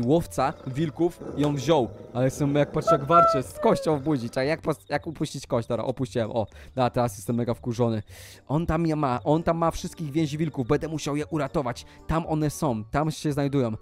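A young man giving excited gameplay commentary for a video, with panicky shouts and yelps. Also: on the high side, fairly quick. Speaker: gaming youtuber.

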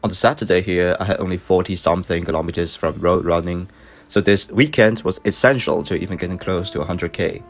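A middle-aged man, giving a measured, reflective scripted voice-over for a running vlog. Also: low-pitched. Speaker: running vlogger. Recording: music behind the voice. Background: background music.

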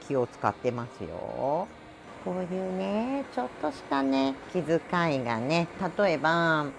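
A woman's voice: low voice, noisy background. A middle-aged woman with a Kansai Japanese accent, a cat groomer talking through a grooming demo in a chatty way, tagging phrases with little asides and giggles. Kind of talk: grooming demonstration talk.

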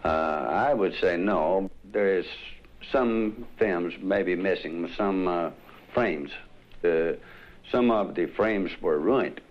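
A man's voice: sits low, slow, lo-fi sound. A man giving brief, hesitant, plain answers as an eyewitness in an interview, on a 1960s vinyl record.

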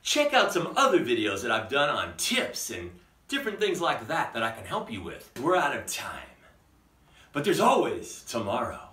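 In his prop-stuffed home office, a middle-aged man who makes costumes runs his vlog with campy, kids'-show-host theatrics and plenty of chuckling. His mid-range voice swings hugely in pitch at a moderate pace with a sharp edge. The sound is reverberant, from a distant mic.

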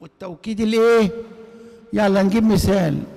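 A man's voice: sits high, fairly quick, dark tone. A man teaching grammar in an Egyptian accent, quizzing his class and leaving sentences open for students to finish. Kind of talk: classroom lecture. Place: large mosque hall. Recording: reverberant hall.

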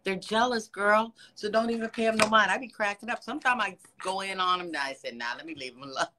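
A woman in her sixties from the US speaks quickly in a mid-range voice during a casual video call, gushing over someone as a fan. Her warm praise and encouragement come with plenty of laughs. She is in an office with ceiling lights, filming on a phone camera held close, with background noise present.

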